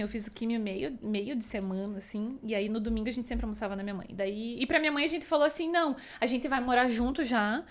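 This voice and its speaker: A woman in her thirties, a podcast guest, telling a personal story in a chatty way, acting out what people said. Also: high voice. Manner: chatty, retells scenes and quotes people, leans on fillers like "assim".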